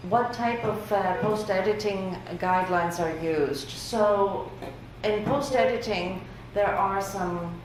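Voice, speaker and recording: Presenting survey findings at a workshop in a university lecture room, a native Greek speaker talks in a relaxed, chatty way full of filler words. Her medium-pitched voice moves slowly yet barely pauses, against heavy echo and faint noise.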